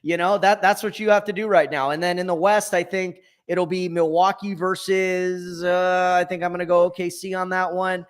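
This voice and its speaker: Sports co-host, a man with a fairly high voice, rambling and self-correcting picks. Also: level tone, moderate pace, few pauses, smooth. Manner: thinks aloud, self-correcting. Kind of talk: casual sports talk.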